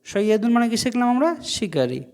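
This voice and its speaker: High-voiced man teaching Arabic grammar. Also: sing-song, darkish tone. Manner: explains grammar, repeats Arabic phrases slowly, then translates. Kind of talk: online language lesson.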